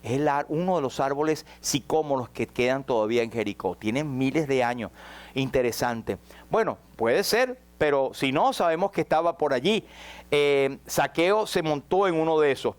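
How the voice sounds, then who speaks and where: A man preaching a sermon as pastor, rising high and dropping to a hush, questioning his congregation directly. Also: expressive, normal speed. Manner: dramatic swings between raised and hushed passages.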